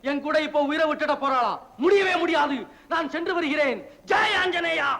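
An actor playing a melodramatic henpecked husband in a classic film, with over-the-top comic wailing and mock-epic speech. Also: male voice, extremely high pitch, moderate pace, heavy background noise. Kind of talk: 1950s Tamil film acting.

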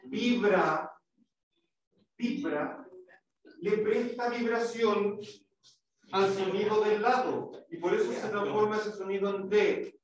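Taking it slowly with long pauses, a male English teacher walks his class through a lesson step by step, quizzing students and modeling sounds. His voice is high, and the distant mic picks up an echoey classroom with a little hiss or hum.

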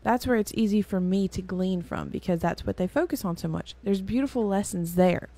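A woman's voice: medium pitch, a little fast, mellow. A weary woman hosting and giving a casual, rambling Bible lesson, full of fillers and self-corrections. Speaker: host and Bible teacher.

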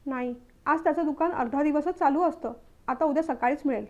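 A woman reading the part of a shy, timid young newlywed wife who speaks hesitantly and quietly. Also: high voice, fairly quick, highs cut off, lightly acted.

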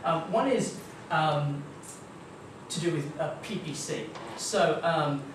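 Here a young Australian guest speaker at a marketing meetup talks slowly in a slightly high voice. His casual tech talk is chatty, with plenty of ums and kind-ofs. He's in a dim meeting room with a projector screen, heard through a far room camera, so the sound is echoey, distant, and noisy.

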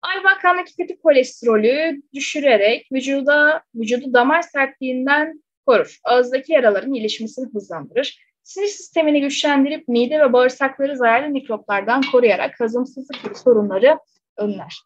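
Stepping through exam questions at a moderate pace, a woman teacher whose voice sits high often checks in with rhetorical questions. The lesson is captured in a slightly dull, dry close recording.

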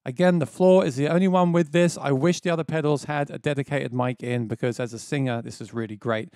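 In a small home studio, a man in his thirties talks into a dynamic mic on a boom right by his face, presenting a casual music gear tutorial step by step and with enthusiasm. His intonation is fairly even, his pace fairly quick and his tone darkish, a voice he calls quite low, and the audio has no room sound.

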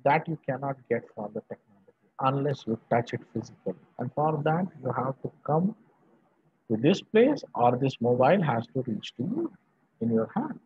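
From a small room, a Varanasi-born professor from northern India teaches students over a video call, his husky male voice medium in pitch with big swings. He speaks emphatically in short, halting, repeated phrases; the audio is muffled and dull but has no echo.

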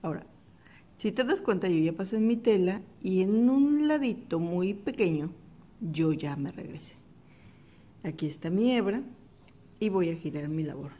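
A woman giving a patient, step-by-step embroidery lesson, calmly repeating each stitch. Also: medium pitch, unhurried, long pauses. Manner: calm step-by-step instruction, repeats the steps softly. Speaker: embroidery teacher. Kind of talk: slow, patient craft tutorial.

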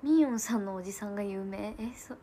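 A woman's voice: mid-range voice, fast. A woman in her twenties chatting casually on a livestream, telling family stories and answering comments. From Japan. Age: 20s. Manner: chatty storytelling, answering comments, frequent laughs and soft asides. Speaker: livestream host.

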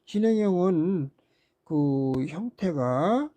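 An English teacher giving a recorded grammar lecture, patiently repeating words, pausing on fillers and asking rhetorical questions. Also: medium pitch, animated, dark tone. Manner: frequent "ja" fillers between steps.

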